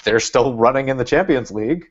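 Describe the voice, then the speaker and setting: A man's voice: mid-range voice, fairly quick, breathy edge. A man talking as a podcast guest in casual chat, rambling and thinking aloud with lots of fillers. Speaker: guest, Red Bulls fan. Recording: dull lo-fi sound.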